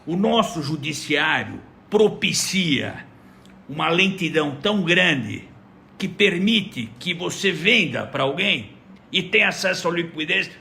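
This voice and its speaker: A man's voice: a little high, lively intonation, a little slow, creaky, pushed and bright, a little hiss or hum. A man co-hosting a podcast, talking emphatically in casual chat. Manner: emphatic, talks in lists. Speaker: podcast co-host.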